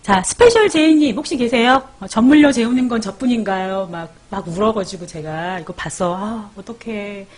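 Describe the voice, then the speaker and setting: A woman's voice: medium pitch, moderate pace, few pauses. A woman hosting a live parenting stream, chatting casually as she reads viewer comments, calls out their names and gives baby sleep tips.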